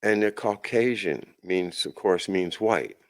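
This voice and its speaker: A man with a very low, deep voice talks through a long solo monologue as host of his own show. He wanders from point to point, circling back with restarts and asides. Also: lively intonation, takes it slowly. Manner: rambling, with many restarts and asides. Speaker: podcast host. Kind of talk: casual monologue.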